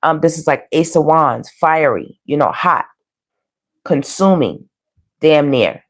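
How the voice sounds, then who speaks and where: A woman with a low, hoarse voice hosts a live online tarot reading, speaking slowly and expressively. She chats colloquially with her viewers as she interprets the cards, often checking in with "you know" and "okay."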